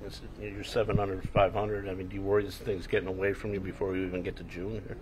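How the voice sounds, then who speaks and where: A male reporter puts questions to a manager at a press conference. His voice sits low and stays even as he hesitates and rephrases. Room noise is clearly audible around him. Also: quick pace.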